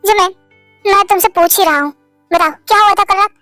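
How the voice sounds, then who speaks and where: A man's voice: very high-pitched, brisk, pushed and bright, dry recording, clean studio sound, soft background music. A woman doing a teasing young male boss. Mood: earnest. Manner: playful, teasing. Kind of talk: Hindi fan-story voice acting.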